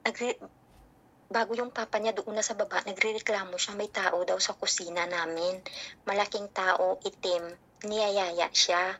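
A woman's voice: medium pitch, a little slow. A middle-aged woman, casually telling a story about her child and acting out what people said. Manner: animated storytelling, acting out dialogue.

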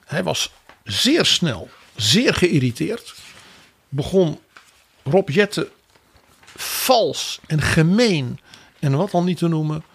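A man with a gravelly, very raspy voice talks politics as a podcast co-host. He is wry and animated, his pitch swinging widely. The sound is close and dry. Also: takes it slowly, pauses often. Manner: animated, wry commentary with quoted asides. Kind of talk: political analysis chat.

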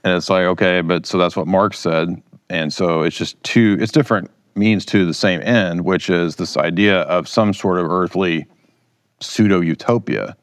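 A man's voice: deep voice, normal speed, dry recording, clean studio sound. A man giving casual, conversational political commentary as a podcast guest, explaining his opinions informally.

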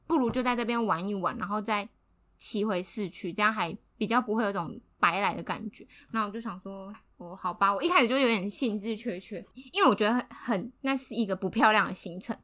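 A young adult woman telling a story in a casual podcast chat, animated, laughing often and acting out what people said. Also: medium pitch, a little fast. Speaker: podcast co-host.

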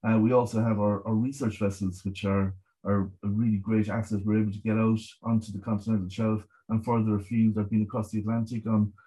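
A middle-aged man with a west of Ireland accent speaks in a relaxed, mellow tone. His pitch sits on the low side and moves little. He explains things in a measured, conversational way, repeating words and dropping in "you know" as he thinks. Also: low-quality recording. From Galway, west of Ireland. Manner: measured, hesitant repetition of words, frequent 'you know'. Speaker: marine scientist guest.

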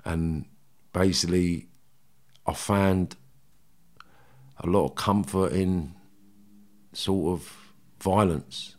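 A man with a low, deep voice and a Liverpool Scouse accent speaks as an interview guest. He tells his story candidly in colloquial language, often checking that the listener follows. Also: fairly even intonation, slow pace, long pauses. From Liverpool, England. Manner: colloquial, often checks in with "you know" and "right". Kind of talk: candid personal storytelling in conversation.

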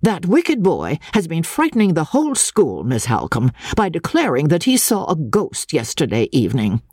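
Stern male schoolmaster in a storybook, put on by the narrator; lecturing, threatening, breathy, dry close sound. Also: mid-range voice, wildly swooping pitch, normal speed, a little mellow, no room sound, voice pushed up. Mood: indignant. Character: stern middle-aged male village schoolmaster. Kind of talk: audiobook character voice.

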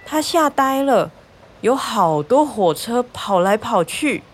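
A woman narrating a children's story in a gentle, lively, clearly paced way. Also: fairly high pitch, slow pace.

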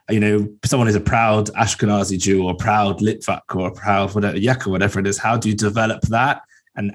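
Low-voiced, hesitant male podcast host. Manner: thoughtful, with many "um" and "uh" pauses. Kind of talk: casual interview questions.

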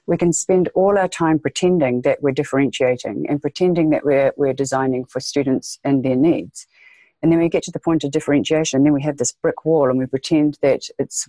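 Speaking earnestly as a guest on a podcast interview, a New Zealand education leader with a New Zealand accent repeats phrases for emphasis. Her voice is low and warm, with no room sound.

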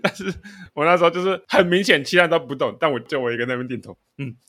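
A man's voice: on the high side, racing, a bit bright. A man with a Taiwanese Mandarin accent, co-hosting a casual chat show and telling stories with frequent laughter. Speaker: podcast co-host.

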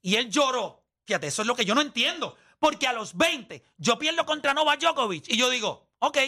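Insistent high-voiced man arguing sports. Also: very animated, brisk, sharp tone. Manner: insistent, talks over others, explains with long analogies. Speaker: podcast co-host. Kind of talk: heated sports debate.

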